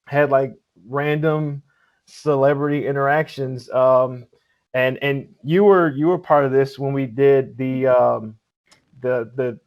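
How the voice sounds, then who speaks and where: A man who hosts and judges cosplay contests chats casually in an interview, relaxed and acting out quoted exchanges. He gives earnest advice and repeats points for emphasis; his voice is mid-range and the highs are cut off.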